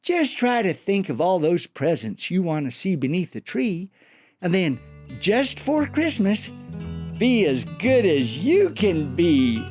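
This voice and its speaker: A man reciting folksy cowboy poetry in an animated way, with a cowboy drawl and rustic dialect. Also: high-pitched, takes it slowly, soft background music. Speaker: cowboy poet, storyteller.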